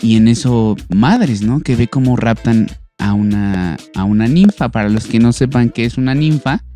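A Mexican man with a mid-pitched voice tells an old myth as loose, crude banter among friends. His delivery is easygoing and full of slang, with a faint bed of music underneath. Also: moderate pace, warm tone. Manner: crude, slangy, laid-back retelling of a myth. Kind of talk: casual comedic storytelling.

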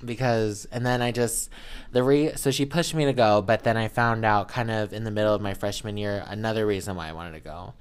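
A woman's voice: very deep voice, fairly quick, clean tone. A young woman from Montana hosting a podcast in casual, joking, self-deprecating chat. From urban Montana, United States. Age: young adult. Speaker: podcast host.

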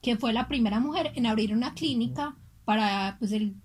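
A woman's voice: a little high, moderate pace. A woman co-hosting a casual podcast, telling a story in a chatty, gossipy way. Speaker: podcast co-host. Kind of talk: casual chat.

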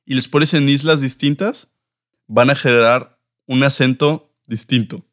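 A man's voice: mid-range voice, a little slow, fairly bright tone. A young man with a northern Mexican accent chatting casually as a podcast co-host in slangy, informal speech with some swearing. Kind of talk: casual chat.

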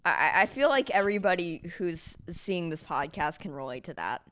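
A woman's voice: fairly low pitch, very animated, moderate pace, fairly bright tone, dry recording. A woman hosting her own podcast, chatting casually over a video call in a rambling, stammering, self-mocking way. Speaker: podcast host. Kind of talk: casual chat.

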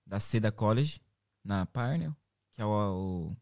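A man with an interior São Paulo Brazilian accent hosts a casual, chatty podcast in a cracked, reedy voice, hoarse from shouting. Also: on the low side, animated, slow pace, no room sound, studio quality. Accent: Brazilian, interior São Paulo state. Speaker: podcast host.

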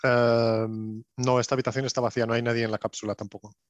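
A man from narrating a tabletop game as game master, calm, checking in with frequent "vale". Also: mid-range voice, fast talker, no room sound, muffled recording.

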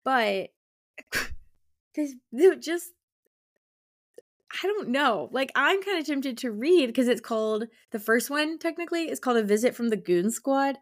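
This podcast co-host, a school teacher, has a high, animated voice at a measured pace with frequent pauses. She discusses books casually and effusively, peppering her speech with "like."

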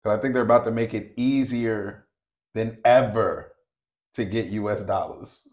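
A man's voice: fairly low pitch, moderate pace, darkish tone, highs cut off. A man co-hosting a podcast in casual chat, making his points with emphasis and repeating them. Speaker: podcast co-host.

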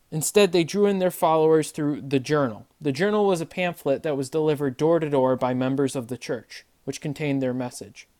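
A true crime narrator hosting a podcast, reading a scripted story in a measured way. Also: medium pitch, darkish tone.

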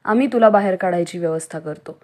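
A woman's voice: on the low side, quick pace, darkish tone, natural voice. A woman voicing a strong, clever young male elephant who patiently explains and reassures his friends. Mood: calm, reassuring.

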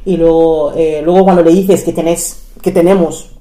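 A woman's voice: low-pitched, moderate pace. A middle-aged woman from Nigeria, speaking Spanish as a second language, chatting casually as a podcast guest and acting out the people in her stories, with many fillers. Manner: animated storytelling, acts out quoted people, many fillers. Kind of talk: casual conversation. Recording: echoey room.

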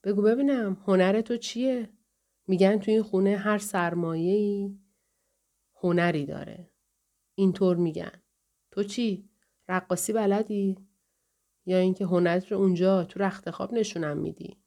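A woman voicing a drunken, brutal male soldier who slurs and drawls, turning hushed and whispery at times. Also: on the low side. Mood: mocking. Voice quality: slurred drawling speech. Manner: menacing, sometimes hushed and whispery.

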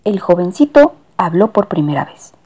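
A woman narrating a children's storybook with a lively, expressive manner. Her pitch is animated and moves a lot. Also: normal speed, breathy edge.

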